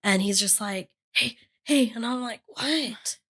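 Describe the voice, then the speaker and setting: A young woman with a fairly high voice co-hosts a casual podcast. She tells animated stories full of swearing and quick laughs. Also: breathy edge. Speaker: podcast co-host. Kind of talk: casual chat.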